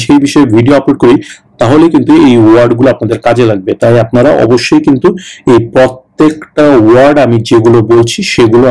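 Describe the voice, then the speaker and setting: A man with a Bengali accent teaching citizenship interview questions, reading English phrases slowly and explaining them quickly. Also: mid-range voice, darkish tone, low-quality recording. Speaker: citizenship test tutor. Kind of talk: bilingual language lesson.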